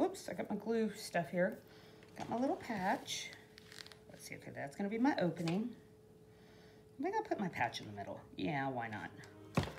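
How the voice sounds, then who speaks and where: A middle-aged woman, chatting in a rambling way while she shows a craft project at home, with lots of "you know". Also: low voice. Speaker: craft vlogger. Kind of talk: casual crafting demo talk. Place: indoors at a craft table in a home.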